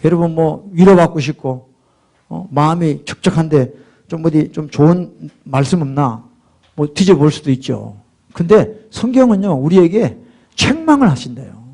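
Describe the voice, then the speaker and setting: A middle-aged man preaching a sermon as pastor, swinging from hushed murmurs to loud, emphatic exhortation. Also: on the high side, expressive, normal speed.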